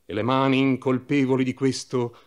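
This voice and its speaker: A man narrating a classic novel in a measured, solemn reading. His voice sits at a middle pitch for a man. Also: level tone. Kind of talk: literary audiobook reading.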